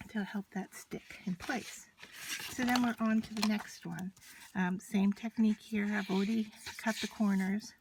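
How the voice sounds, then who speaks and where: A woman's mid-pitched, slightly mellow voice guides viewers through an unscripted craft tutorial, explaining each step while working with her hands. The low-quality recording carries audible noise, including scratches and clicks from her materials.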